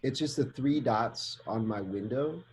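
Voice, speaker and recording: A man with a mellow, relaxed voice of middling pitch. He talks casually, like a guest chatting in an interview. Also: a little slow, slight background noise. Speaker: interview guest, film composer. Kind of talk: casual chat.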